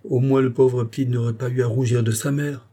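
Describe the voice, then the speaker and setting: A man's voice: mid-range voice, fairly even intonation, a little fast, mellow, pitched above the performer's own voice, lightly acted. A man voicing a miserly, pious old spinster aunt who protests in a plaintive, whining way.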